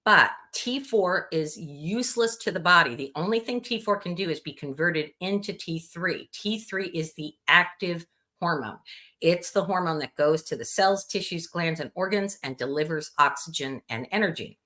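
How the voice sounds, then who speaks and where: Low bright-voiced woman answering questions. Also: moderate pace. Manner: informative, explanatory, with frequent um and uh. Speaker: patient advocate answering viewer questions. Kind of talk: live Q&A.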